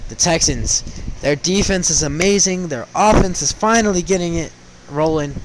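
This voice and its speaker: A man's voice: medium pitch, noisy background. A young man giving casual sports commentary, chatty and slangy, talking straight to the teams. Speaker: sports vlogger.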